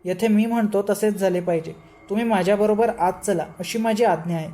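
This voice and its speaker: A woman's voice: medium pitch, a little fast, mellow, natural voice. A woman voicing an arrogant impostor holy man who is really a demon, boastful and commanding. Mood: angry.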